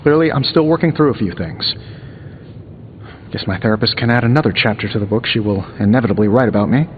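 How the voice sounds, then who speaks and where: A man's voice: mid-range voice, quick pace, big-room sound, phone-quality sound, a little hiss or hum, lightly acted. A man voicing a sardonic, wisecracking genius superhero inventor in a video game, with a glib but protective manner. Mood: wry. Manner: glib, sarcastic, quipping. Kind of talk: video game dialogue acting.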